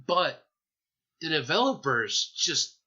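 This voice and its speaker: A man's voice: a little high, big pitch swings, slow pace, pushed and bright, slightly rough. Profane rambling young Southern guy. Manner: rambling, profane, restarts a lot. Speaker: podcast co-host. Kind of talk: casual chat. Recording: dull lo-fi podcast audio.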